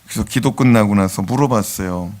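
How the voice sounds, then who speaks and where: Expressive Korean pastor preaching. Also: male voice, fairly low pitch, fairly quick. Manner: emotive preaching with wide swings in loudness. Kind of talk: sermon. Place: church sanctuary.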